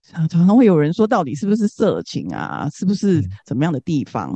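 A woman's voice: low voice, huge pitch swings, a little fast, mellow, breathy edge, no echo. A woman from Singapore with a Singaporean accent, sharing reflectively and casually as a guest in a conversational interview.

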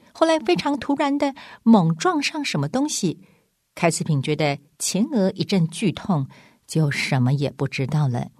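Expressive woman reading a storybook aloud. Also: fairly low pitch, no echo, studio quality. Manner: expressive, dramatic. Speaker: audiobook reader. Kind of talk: storybook narration.

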